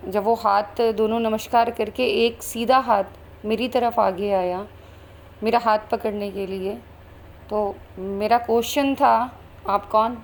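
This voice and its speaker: A woman's voice: fairly high pitch, steady tone, takes it slowly, a little mellow, a little hiss or hum. A woman, a spiritual channel host, recounting a meditation vision in a flowing, earnest way with many fillers. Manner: earnest, flowing Hindi-English mix with fillers. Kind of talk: personal spiritual account.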